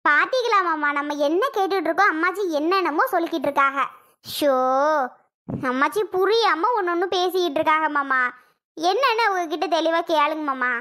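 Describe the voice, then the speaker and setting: A woman playing a young cartoon daughter-in-law who coaxes and questions. Her voice is very high and bright, with a reasoning tone. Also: brisk. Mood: coaxing. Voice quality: coaxing, questioning. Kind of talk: animated cartoon voice acting.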